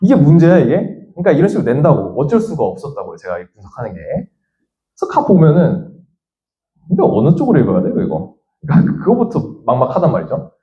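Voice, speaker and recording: A man's voice: mid-range voice, wildly swooping pitch, quick pace. A man teaching science in a lecture, thinking aloud as he works through a problem and voicing students' questions himself. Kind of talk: lecture with a worked example. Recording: dull lo-fi lecture audio.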